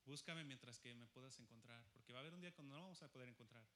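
A young man preaching a sermon, moving between soft pleading and loud, fervent calls. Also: medium pitch, rapid-fire, big-room sound, slight background noise.

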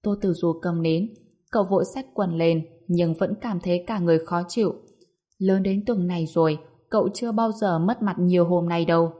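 A woman narrating a serialized story in a measured, even reading. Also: fairly low pitch.

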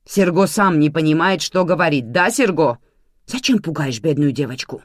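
A reader voicing a calm but stern woman who runs a kitchen, speaking curtly. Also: medium pitch, moderate pace, no room sound, studio quality, voice pushed up, natural voice. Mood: soothing. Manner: curt and stern. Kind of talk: audiobook character voice.

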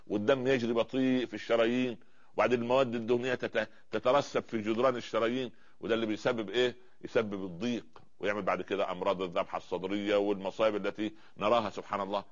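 Egyptian male preacher, rapid lecture delivery, rhetorical questions, muffled lo-fi sound. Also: lowish voice. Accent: Egyptian Arabic. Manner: rhetorical questions, fills gaps with drawn-out pauses. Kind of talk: religious lecture.

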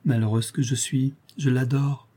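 A man voicing a proud, bitter young woman in a low, subdued tone, reading a story aloud. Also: fairly even intonation, normal speed, dark tone, breathy edge, lightly acted.

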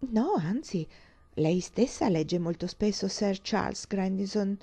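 A woman voicing a naive, excitable young woman in a dramatized audiobook reading, with eager, breathless exclamations. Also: medium pitch, a little slow, breathy edge, no room sound. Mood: eager, innocent.

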